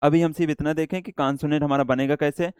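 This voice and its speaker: A man with an Indian accent teaching a shorthand class, explaining slowly and repeating himself, mixing English words into Hindi. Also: on the high side, steady tone, darkish tone, smooth, no echo. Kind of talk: classroom lecture.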